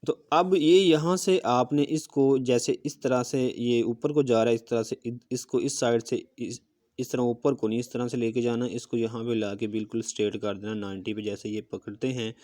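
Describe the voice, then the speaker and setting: A male handwriting teacher with a soft, dark, mid-range voice patiently walks students through each stroke in a recorded calligraphy lesson. He demonstrates with a marker as he talks, explaining step by step and often checking in with "okay."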